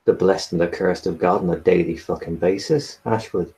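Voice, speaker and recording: A man's voice: low voice, normal speed, a little mellow, poor audio. A man role-playing his character in a tabletop game in a put-on, wavering Irish accent, blunt, sardonic and sweary. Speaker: player.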